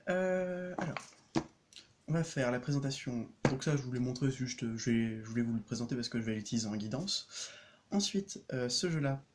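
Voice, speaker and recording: A man's voice: medium pitch, lively intonation, normal speed, slight background noise. Hesitant man chatting on a vlog. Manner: hesitant, many fillers and restarts, chuckles often. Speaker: energy practitioner. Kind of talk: casual vlog explaining a homemade rune deck.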